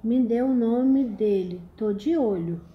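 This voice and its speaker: A woman's voice: a little high, takes it slowly, muffled recording. A woman with a Brazilian accent hosting a casual livestream, greeting viewers and teasing them in a chatty, exclamatory way. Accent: Brazilian Portuguese. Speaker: livestream host. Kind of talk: casual live chat, reading comments.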